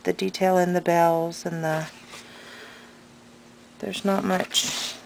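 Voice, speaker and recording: A woman's voice: fairly low pitch, flat delivery, takes it slowly. A woman chatting casually as a craft vlogger, hesitant and rambling but enthusiastic, her articulation slightly impeded by a tongue piercing. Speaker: craft vlogger and pattern seller. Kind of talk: casual unscripted show-and-tell chat. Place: indoors at a craft table at home. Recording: clearly noisy home recording.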